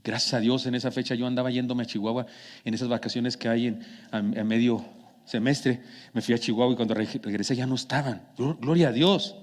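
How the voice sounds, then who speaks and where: A man with a Mexican accent preaching a sermon as a pastor, telling stories in a conversational way that swings from hushed to emphatic. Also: mid-range voice, fairly even intonation, brisk. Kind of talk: sermon with personal storytelling. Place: church sanctuary. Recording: long church hall reverb.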